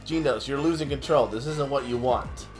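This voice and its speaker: A man's voice: mid-range voice, normal speed, soft background music, close to an everyday voice. A man playing an earnest, pleading bird scientist from a video game, speaking with urgency as a mentor.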